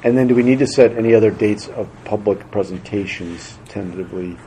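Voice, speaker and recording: A man chairing a local meeting, talking in a halting way with many fillers and restarts. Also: fairly low pitch, background noise. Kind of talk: casual meeting talk.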